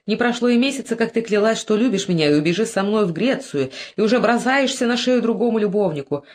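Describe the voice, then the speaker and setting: A reader voicing a young Greek man who is jealous and furious, shouting threats in an audiobook. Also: mid-range voice, lively intonation, quick pace, pitched above the performer's own voice, lightly acted. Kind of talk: audiobook character voice.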